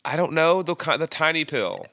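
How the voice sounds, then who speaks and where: A man's voice: a little high, sing-song, moderate pace, creaky, sharp tone, dry recording. Congested man joking on a podcast. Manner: rambling, self-deprecating joking. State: congested from allergies. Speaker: podcast co-host. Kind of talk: casual podcast chat.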